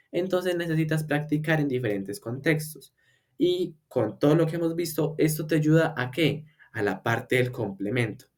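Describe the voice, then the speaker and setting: A man of ordinary pitch teaches a beginner language class. He explains patiently, stacking up examples one after another. He slows right down whenever he models a word for the learner to repeat. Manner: slows down to model English words for repetition. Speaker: English teacher.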